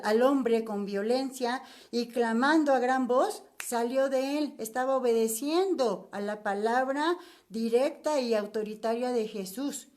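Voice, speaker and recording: A woman's voice: high-pitched, darkish tone. An older woman with a Mexican accent, teaching a Bible study lesson in a chatty way, putting rhetorical questions to her listeners.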